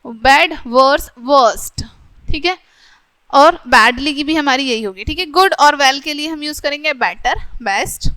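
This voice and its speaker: Lady teacher, high voice, reads rules out slow then explains, dry close sound. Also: lively intonation, pushed and bright, no echo. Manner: reads English rules slowly, then explains them in Hindi with frequent "theek hai". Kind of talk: classroom grammar lecture.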